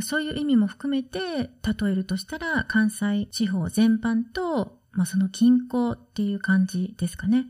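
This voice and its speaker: A woman who works as a study-abroad consultant, hosting her own podcast in a relaxed, chatty way and explaining with soft asides. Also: on the high side. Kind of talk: solo podcast talk.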